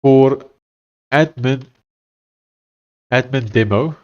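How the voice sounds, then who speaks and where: Speaking very slowly at a medium pitch, a software developer from South Africa with a thick Afrikaans accent chats with his live stream audience as he codes. He thinks aloud with many fillers and restarts, and the recording's highs are cut off.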